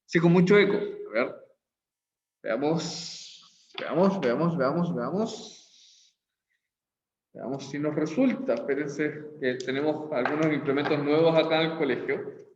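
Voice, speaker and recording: A man's voice: fairly high pitch, a little slow, slight background noise. A man teaching an online class, his voice ringing with heavy echo from a school room, upbeat and repeating himself. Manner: upbeat, repeats words, asks "¿ya?". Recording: echoey room, dull lo-fi sound.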